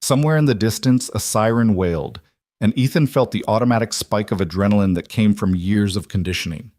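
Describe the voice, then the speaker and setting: A man narrating a romance story in a measured, even way. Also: lowish voice, no room sound, clean studio sound. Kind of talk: scripted narration.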